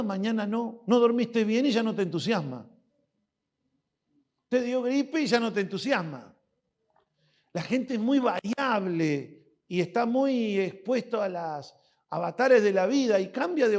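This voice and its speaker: A man's voice: sits high, a little slow. A man preaching a sermon as pastor in a church, acting out little dialogues and putting questions to the congregation. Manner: animated, acts out dialogues with God, asks the congregation questions.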